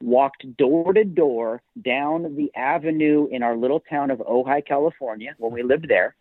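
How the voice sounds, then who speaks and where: A male author telling stories with a motivational speaker's emphasis, his voice at a middle pitch. He sounds thin and phone-like, dry with no room around it. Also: moderate pace, no room sound. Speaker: author and podcast guest. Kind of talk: podcast interview. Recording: tinny phone-like line.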